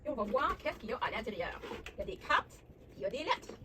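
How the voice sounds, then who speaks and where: A woman with a Québécois accent, hosting a children's lesson on letters and sounds, talking warmly and encouragingly straight to the young viewer. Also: a little high, quick pace, recorded from a distance, heavy background noise. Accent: Québécois French. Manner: animated, encouraging, speaks directly to the child viewer. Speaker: children's educational host.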